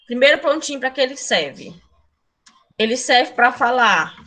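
A woman teaching Spanish in an online class, calling herself "a tia" in a teacherly, chatty way, speeding up when she gets excited and recorded on a computer mic. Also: sits high, measured pace.

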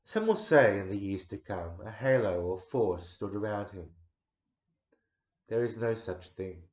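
A man in his forties giving a dramatic poetry recital, measured, swelling loud and sinking to a near hush. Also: lowish voice, animated. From Australia. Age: 40s. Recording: roomy echo, dull lo-fi sound.

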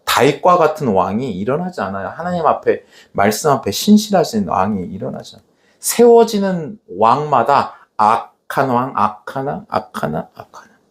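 A male pastor delivers a church sermon with a voice that swings high and low. He acts out the scripture scenes dramatically, shouting some lines and dropping to a hush on others. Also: moderate pace. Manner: animated preaching, dramatically acting out scripture quotes.

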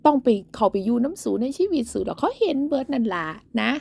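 A woman's voice: a little high, very animated, fast, creaky, darkish tone, breathy edge, no echo. A woman with an Isan accent ranting in a livestream, mocking and cursing heavily. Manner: breaks into cackling laughs. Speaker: online commentator.

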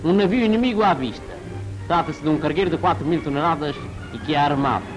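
Over clearly audible music on an old film soundtrack, a man with a slightly high voice narrates a 1940s wartime newsreel in a formal, declamatory announcer style. He talks fast with lively intonation, and the recording is rough.

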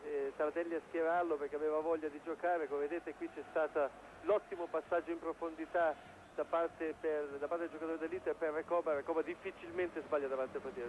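A man analysing play as a football co-commentator, hesitating and repeating phrases. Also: on the high side. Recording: dull lo-fi broadcast, faint stadium noise. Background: stadium crowd noise.

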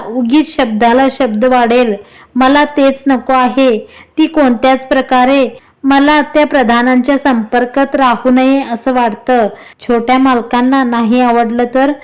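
A woman voicing a calm, worried middle-aged father in a read-aloud story. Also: high voice. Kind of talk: storybook reading.

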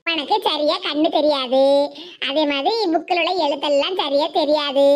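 A performer voicing a scheming, sharp-tongued middle-aged aunt in a cartoon, with a Tirunelveli Tamil accent and taunting laughs. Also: high-pitched, steady tone, moderate pace, close to an everyday voice. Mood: mocking. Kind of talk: cartoon voice acting.

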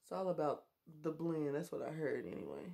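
A beauty vlogger in her thirties has a deep, creaky, warm voice with big pitch swings, talking fairly quickly. She chats and jokes with her viewers while putting on makeup in a casual tutorial, recorded close on a webcam in a small bedroom.

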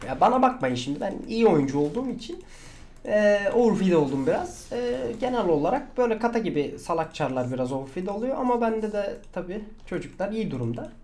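Excitable man yelling through gameplay. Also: high voice, brisk, slight background noise. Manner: excitable, swears and shouts at teammates. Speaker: gaming channel host. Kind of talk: live gameplay commentary.

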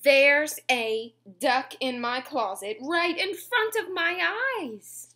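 Reading to little ones from a picture book, a young woman in her twenties sits in a small room at home and takes it slow. Her voice is high and bright with lively pitch swings, and every line comes out clear and expressive.

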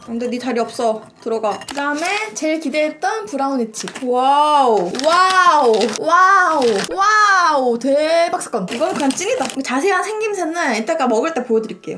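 A woman hosting a casual snack-tasting chat for viewers, exclamatory, with playful sound words and drawn-out reactions. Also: high-pitched, noisy background. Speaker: mukbang host.

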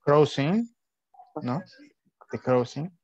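A teenage boy answers his teacher hesitantly, slow and unsure. His voice is mid-pitched and comes through a dry, slightly dull call line. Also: lively intonation, breathy edge, no room sound. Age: teens. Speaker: student. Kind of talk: answering in class.

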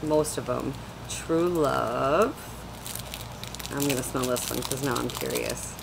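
Low-voiced woman rambling on webcam. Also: steady tone, slow pace, creaky, noisy background. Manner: chatty, rambling, many fillers. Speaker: vlogger. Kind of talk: casual product haul chat. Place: small room at home, indoors. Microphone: webcam at desk.

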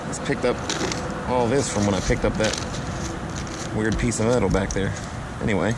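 A man narrating his magnet fishing aloud from a kayak on a river, getting excited over each find, recorded on a head-mounted camera. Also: lowish voice, normal speed. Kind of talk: casual outdoor vlog narration. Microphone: head-mounted action camera. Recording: loud water and outdoor noise. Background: river water and outdoor ambience.

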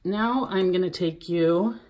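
Touring a big house on foot, a woman real estate agent talks about each room she points out and grows a bit winded along the way. She speaks a little slowly, with a lowish voice and a darkish tone.

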